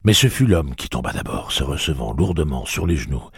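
A man reading a novel aloud as audiobook narrator, in a measured, even way. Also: extremely low pitch, gravelly, slightly rough, dry recording, clean studio sound.

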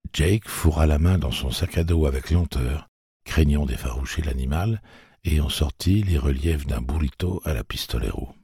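A man reading an audiobook story in a measured, steady way. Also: rumbling low, husky, no echo, studio quality. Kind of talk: audiobook narration.

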